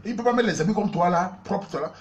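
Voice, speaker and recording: Fast-talking Cameroonian comedian. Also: male voice. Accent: Cameroonian French. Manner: animated, swings between loud outbursts and low asides. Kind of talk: comic storytelling monologue.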